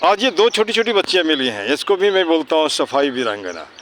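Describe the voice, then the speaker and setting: A man teaching kids English pronunciation outside poses questions and then answers them himself, adding "है ना" again and again to check in. He has an Indian English accent and a slightly high, fairly bright voice with big pitch swings and a fairly quick pace.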